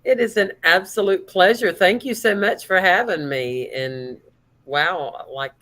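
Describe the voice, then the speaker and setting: Chatty woman, lowish voice. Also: unhurried. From North Carolina, USA. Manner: chatty, animated storyteller. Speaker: sales coach. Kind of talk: guest storytelling in an interview.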